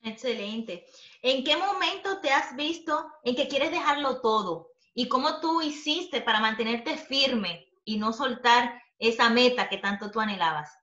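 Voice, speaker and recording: A young adult woman coaches and hosts an upbeat, conversational interview over a video call from a small room at home. Her fairly high voice is animated and sharp, and she keeps a measured pace. The audio sounds muffled and roomy.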